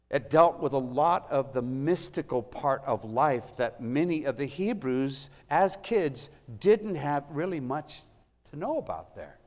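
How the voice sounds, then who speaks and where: Preaching man in a reverberant church. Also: medium pitch. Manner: earnest, swells and drops in volume for emphasis. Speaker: pastor. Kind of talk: sermon. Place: church sanctuary.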